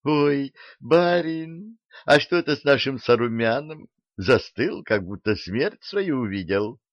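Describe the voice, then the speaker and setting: A man's voice: mid-range voice, lively intonation, slow, dry recording, pitched above the performer's own voice. A man voicing a feisty, short, hot-tempered young peasant maid who squeals and scolds. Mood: excited. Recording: dull, dry audiobook recording.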